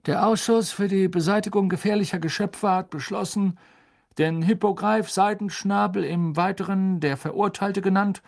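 Man voicing stiff, officious minister, raised pitch, loud delivery. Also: fairly even intonation, normal speed, vocal fry. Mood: reading decree. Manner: formal, bureaucratic reading. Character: pompous male minister reading a decree.

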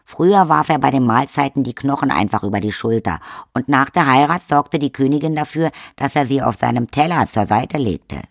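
A man voicing an older village witch woman, shameless, blunt and bossy in a brisk matter-of-fact way. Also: mid-range voice, expressive, gravelly, no echo, studio quality.

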